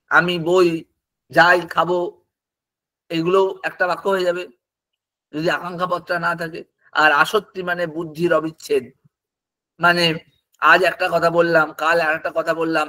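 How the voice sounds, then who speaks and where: A male teacher, lecturing in a high, bright voice. He works through each point with examples and keeps asking his listeners whether they have understood. His delivery is clear and forceful. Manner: explains with examples, asks frequent check questions. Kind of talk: lecture on Sanskrit poetics.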